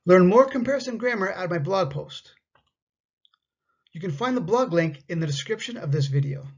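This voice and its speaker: A Canadian English teacher with a high, husky, breathy voice reads a grammar lesson for English learners, expressive yet slow, enunciating and spacing out each example sentence. The audio sounds slightly dull and muffled.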